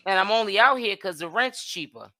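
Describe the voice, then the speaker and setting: Lady chatting on her stream, bright voice, dry close mic, reads comments and trails off. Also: mid-range voice, animated, fairly quick, no room sound. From Boston, Massachusetts. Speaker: host of a livestream commentary channel. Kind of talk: casual chat reading viewer comments.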